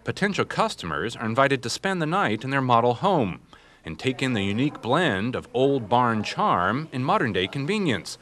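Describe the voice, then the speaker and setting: A man's voice: medium pitch, very animated, a bit bright. Polished male TV host narrating. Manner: smooth, measured presenter delivery. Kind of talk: scripted documentary narration. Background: background music under the voice-over.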